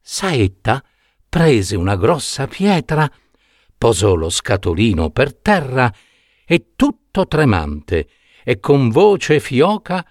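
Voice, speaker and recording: Slow, expressive male fairy-tale reader. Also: medium pitch, dry recording, studio quality. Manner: slow, expressive, dramatic storytelling. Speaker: storyteller. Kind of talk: reading a fairy tale aloud.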